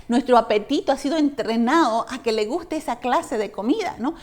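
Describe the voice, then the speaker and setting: A woman with a somewhat high voice co-teaching a church Bible study. She talks conversationally and keeps checking in with rhetorical questions. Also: expressive, fairly quick.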